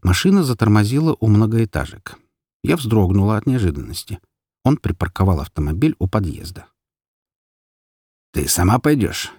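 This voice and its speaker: A man narrating an audiobook story in an expressive, dramatic way. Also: on the low side, brisk, no room sound, clean studio sound.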